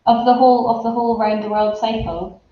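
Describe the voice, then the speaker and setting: A woman's voice: fairly high pitch, level tone, fairly quick. A woman hosting a casual interview, asking questions in a conversational way. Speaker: interviewer, host. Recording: echoey room, dull audio, noisy background.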